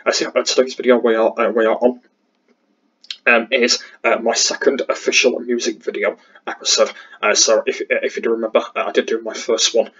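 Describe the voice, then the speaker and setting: Casting: male YouTuber, croaky and husky, low-key monotone delivery, hesitant casual commentary. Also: brisk, dull audio. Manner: hesitant, repetitive. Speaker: YouTuber host.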